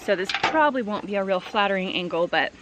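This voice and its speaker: Woman, flower farmer, casual vlog, upbeat chatty manner, outdoors in a field, camera low on the ground. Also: animated, fast, background noise. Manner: chatty and upbeat, lots of fillers like "like" and "um". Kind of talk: casual vlog chat while harvesting. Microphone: camera set low on the ground.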